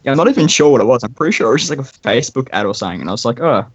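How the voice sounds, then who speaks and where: A man in a casual podcast chat, telling a story in a relaxed, rambling way. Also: mid-range voice, racing, crowd noise. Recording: dull dry lo-fi mic.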